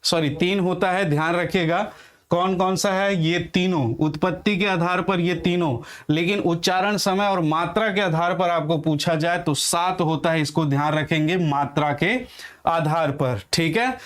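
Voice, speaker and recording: High-voiced man teaching Hindi grammar. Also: steady tone. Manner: asks questions and answers them himself; dictates slowly word by word while writing. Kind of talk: classroom-style grammar lesson.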